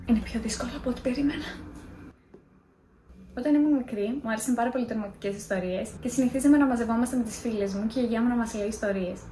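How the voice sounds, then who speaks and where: A woman's voice: a little high, warm tone, reverberant, slight background noise. A young woman in a casual vlog, chatty and self-mocking as she tells scary stories. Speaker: vlogger.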